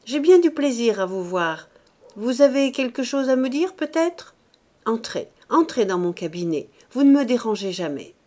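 A woman's voice: on the high side, sing-song, normal speed, darkish tone, voice pushed up. A woman voicing a timid, fretful old male bishop who talks in a plaintive, raised voice with anxious outbursts. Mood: amiable, uneasy.

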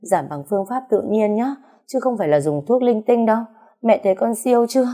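A woman's voice: a little high, animated, fairly quick, mellow, pitched above the performer's own voice. A woman voicing an anxious, loving young daughter who talks in a pleading, emotional way. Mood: tender.

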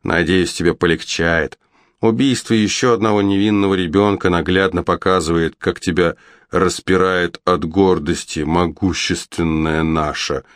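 A man playing a brave boy who taunts a villain with open mockery. The delivery stays low and close, with a dry, deadened sound. It is a storybook hero's part, read aloud. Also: steady tone, normal speed, dry recording, natural voice. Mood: taunting. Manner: mocking, defiant. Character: defiant mocking boy.

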